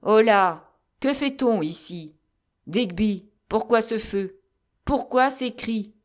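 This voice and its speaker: An imperious general reproaches his troops with rhetorical questions, as a woman reader voices him. His authority is calm and stern. This is a classic novel audiobook. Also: fairly high pitch, takes it slowly. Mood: reproachful. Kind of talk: audiobook character reading.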